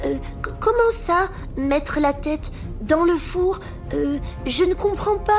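A woman's voice: extremely high pitch, lively intonation, takes it slowly, soft background music, exaggerated voice. A woman voicing a brave, loyal young girl in a storybook, talking with a hesitant, feigned naive tone. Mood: faux-naive. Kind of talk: storybook narration with acted voices.

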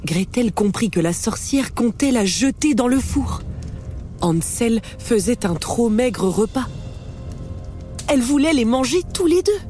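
A woman narrating a fairy tale for a storybook recording with expressive, lively delivery. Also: a little high, unhurried, soft background music.

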